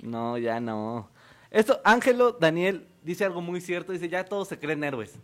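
A man's voice: a little high, measured pace. A young Mexican man co-hosting a comedy podcast, reading viewer comments aloud and joking. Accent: Mexican Spanish. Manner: joking, laughing, lively mock voices. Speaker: podcast co-host.

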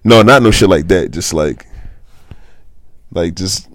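A man co-hosting a podcast, telling stories in a relaxed, rambling way with lots of fillers. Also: low-pitched, slow pace, no echo. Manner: laid-back, rambling storytelling with lots of fillers. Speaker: podcast co-host. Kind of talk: casual chat.

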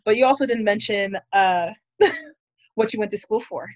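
A woman's voice: mid-range voice, unhurried, muffled recording. Playful teasing young woman with Maryland accent. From Maryland, USA. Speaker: podcast co-host. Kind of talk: casual chat.

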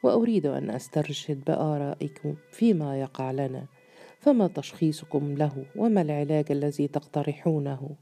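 A stern city governor, read by a man in an audiobook, pressing his advisers in a forceful, urgent tone. The voice is deep-toned and mellow, with faint music beneath it. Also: expressive, brisk, vocal fry. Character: stern male governor, alarmed and demanding.

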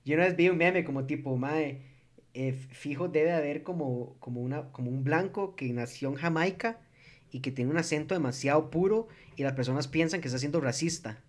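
A young Costa Rican man talking in a relaxed group chat, his voice sitting a touch high for a man. He rambles in slang and throws English curses into his Spanish. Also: brisk.

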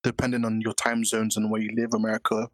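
A man's voice: fairly low pitch, monotone, fast, a bit bright, no room sound. A man co-hosting a podcast in casual, slangy chat. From Britain. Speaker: podcast co-host.

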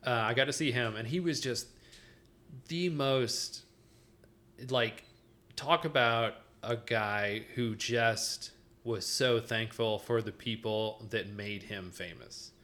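A man's voice: medium pitch, slow pace, bright, forceful tone. A man co-hosting a podcast, chatting casually and enthusiastically, rambling with frequent restarts. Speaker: podcast co-host. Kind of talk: casual chat.

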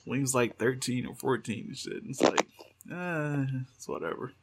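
A man's voice: mid-range voice, lively intonation, normal speed, creaky, heavy background noise. A man co-hosting a podcast in loose, profane casual chat, often reading quotes aloud. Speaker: podcast co-host.

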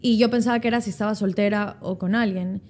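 A woman's voice: mid-range voice, fast talker. A young woman, co-hosting a podcast and telling stories in casual chat, laughing often. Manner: animated storytelling, laughs often. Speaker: podcast co-host.

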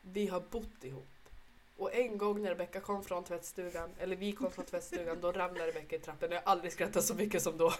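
A woman and mother, co-hosting a casual podcast chat, telling stories in a lively way and swearing now and then. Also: fairly low pitch. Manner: lively storyteller who swears. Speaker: podcast co-host; mother of a young son.

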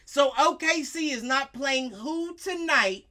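An American woman in a heated, casual sports debate, speaking emphatically with slang, swearing and quick interjections. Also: sits high, animated, pushed and bright.

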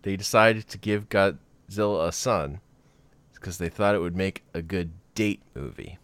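Low-voiced guy chatting about movies, gets all animated, dry close sound. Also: measured pace, no echo. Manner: animated, jumps into excited mock voices. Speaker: podcast co-host. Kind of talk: casual chat.

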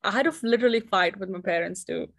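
Talking fast at medium pitch with vocal fry, this company founder from India, in her twenties, is an earnest guest in a casual interview conversation. She often restarts what she's saying.

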